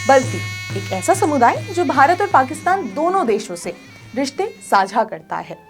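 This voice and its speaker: Woman reading news narration, high voice that swings a lot, faint music behind. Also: normal speed. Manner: lively, formal news reading. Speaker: news presenter. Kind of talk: scripted narration.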